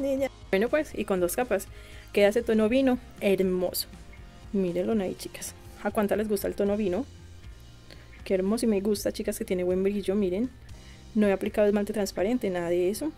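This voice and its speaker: A woman's voice: mid-range voice, mellow. A young Colombian woman with a Medellín accent, gushing as she chats through a nail product review and calling her viewers "chicas". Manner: chatty and gushing, calls viewers "chicas" and "mis amores". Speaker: beauty vlogger.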